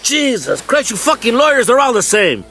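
A man's voice: very high-pitched, big pitch swings, normal speed, pushed and bright, exaggerated voice. A man voicing an arrogant, cornered cocaine kingpin who curses with contempt in a video game cutscene. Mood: exasperated. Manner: scornful, cursing. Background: music.

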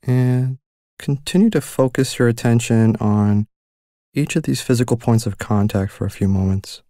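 A man narrating a guided mindfulness meditation as the guide, giving calm, gentle, unhurried instructions with long pauses between phrases. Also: medium pitch, no echo, clean studio sound.

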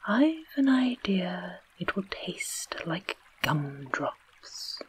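A woman with an English accent voicing a gruff but tender-hearted male tiger in a low unvoiced whisper, as whispered role-play. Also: sing-song, extremely slow, full character voice.

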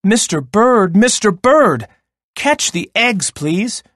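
A man voicing a big, loud, silly mother bird in a storybook tale. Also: medium pitch, very animated, unhurried, no room sound, clean studio sound. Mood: frantic.

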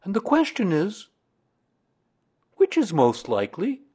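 Man voicing Winnie the Pooh, high-pitched earnest bear. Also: huge pitch swings, darkish tone, breathy edge, heavily acted. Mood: earnest, thoughtful. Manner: deliberate, earnest, ponderous. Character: Winnie the Pooh, earnest, slow-thinking, anxious toy bear. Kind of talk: children's storybook character reading.

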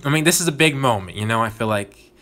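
A man's voice: mid-range voice, lively intonation, fast, pushed and bright. A man hosting a gaming channel, talking earnestly and reflectively about his playthrough in casual commentary. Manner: earnest, reflective, thinking aloud.

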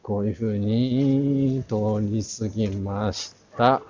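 On the low side and a little mellow, the host speaks at a slow pace, narrating his stroll through a crowded exhibition hall at an art fair. Behind a face mask, he mutters short fragments half to himself. Recorded at arm's length on a handheld camera, the audio is dull against crowd murmur.

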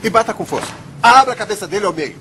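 An actor playing a weary, regretful middle-aged ex-convict boxing trainer in a Brazilian dubbed film drama. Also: male voice, high-pitched, lively intonation, fast, bright, forceful tone, a little hiss or hum. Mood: urgent, insistent. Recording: film soundtrack with music behind.

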